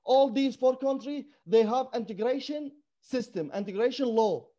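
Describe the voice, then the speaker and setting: A man with a high, mellow voice talks about refugee rights, earnest and emphatic in halting second-language English. The sound is a little dull and lo-fi. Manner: earnest and emphatic, non-native English with broken grammar. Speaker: refugee activist guest. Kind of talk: conversational interview.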